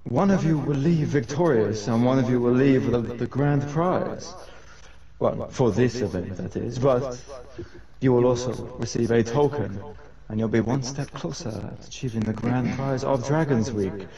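Ceremonial joust announcer acted by a man, formal and commanding, mellow tone, distant game voice chat. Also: mid-range voice, normal speed, roomy sound, natural voice. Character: formal male Gitanian joust official announcing contests and prizes. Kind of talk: in-character game role-play.

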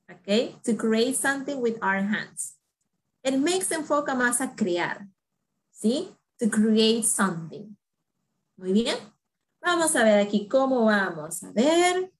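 A woman's voice: fairly high pitch, rough recording. A woman teaching an English lesson online, explaining in Spanish and repeating English examples for learners with frequent check-ins. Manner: repeats phrases slowly for learners.

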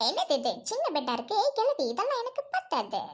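A woman's voice: very high voice, huge pitch swings, fast talker, exaggerated voice. A woman voicing a greedy, gluttonous, rude woman guest in a Tamil cartoon, speaking with a Trichy accent. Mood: bossy. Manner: squealing, gobbling, demanding. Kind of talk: cartoon voice acting.

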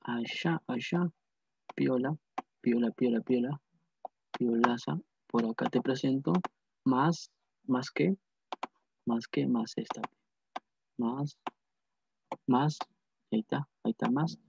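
A man's voice: medium pitch, slow pace, gravelly, long pauses, noisy background. A man teaching a math lesson, repeating phrases and asking and answering his own questions. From Peru. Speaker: math tutor. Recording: dull lo-fi dry sound.

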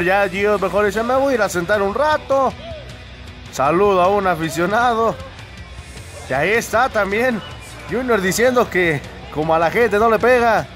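High-pitched Mexican man calling lucha libre. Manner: excitable, exclamatory. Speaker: wrestling commentator. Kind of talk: live lucha libre play-by-play commentary.

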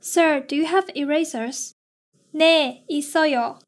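Phrases and translations are read out at an extremely slow pace by a high-voiced woman. Each item is spaced evenly, in the manner of a lesson.

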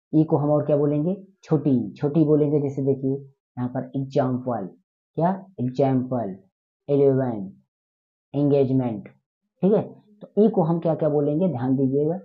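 A man teaching a spoken grammar lesson, repeating words and quizzing his listeners with questions as he goes. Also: mid-range voice. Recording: tinny phone-like sound.

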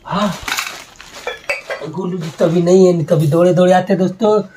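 A man's voice: sits high, steady tone, normal speed, background noise. A man in a casual home vlog, chatting to viewers as friends and cooing at a pet. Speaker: vlogger.

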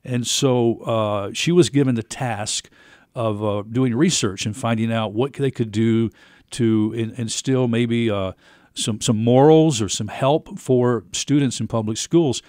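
A man hosting an interview show, asking questions and retelling stories in a steady way with fillers. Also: mid-range voice, unhurried, no echo, studio quality. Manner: steady, recaps at length with fillers.

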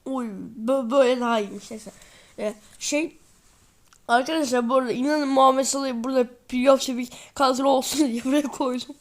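A woman hosting a football video game channel plays while chatting in a high voice at normal speed with fairly even intonation, sounding sleepy. She drifts from topic to topic and often says "neyse."

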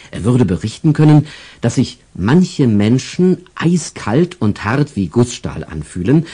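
Male children's storybook narrator, lively pitch, mellow and husky.

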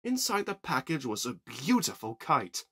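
A man narrating a children's train story in an expressive storybook reading. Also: mid-range voice, moderate pace, breathy edge.

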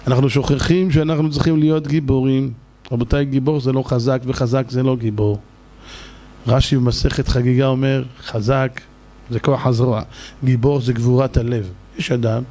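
A man, a rabbi, giving an animated sermon that swings between loud outbursts and low, slow stretches.

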